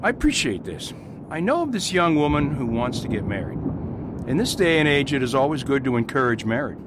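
Man playing Father Brown, courteous priest, very lively intonation. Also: a little fast, close to an everyday voice. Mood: earnest, polite. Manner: courteous, formal. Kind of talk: amateur radio play acting. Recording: faint background rumble.

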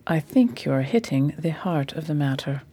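A woman playing a brisk, authoritative lady detective in a radio play, speaking with precision. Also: low-pitched, animated, warm tone, husky. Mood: brisk, commanding. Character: brisk, commanding lady detective leading her assistant.

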